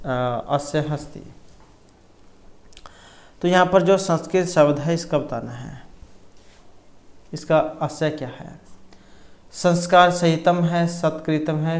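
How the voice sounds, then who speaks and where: A man teaching an exam-prep lesson, explaining multiple-choice answers and reciting terms and grammar rules one by one. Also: on the high side. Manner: self-corrects mid-sentence. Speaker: Sanskrit exam tutor.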